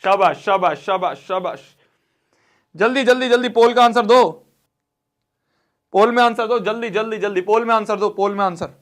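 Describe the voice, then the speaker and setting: A man's voice: high-pitched, fairly even intonation, a little fast. A young man teaching math in a live online class, repeating himself and half-scolding, half-pleading with his students.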